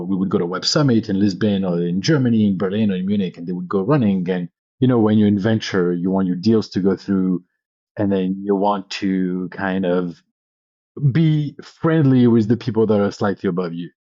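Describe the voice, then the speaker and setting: A man from Paris in his thirties, a venture capitalist guesting on a podcast, relaxes into enthusiastic personal storytelling. His voice is low and his pace normal. The recording has no room sound and its highs are cut off.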